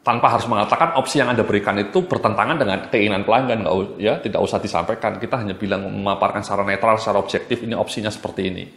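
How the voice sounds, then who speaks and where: A man's voice: lowish voice, rapid-fire, few pauses, fairly bright tone, roomy sound. A man giving a customer service training lecture, talking straight to his listeners, stressing points and repeating words for emphasis.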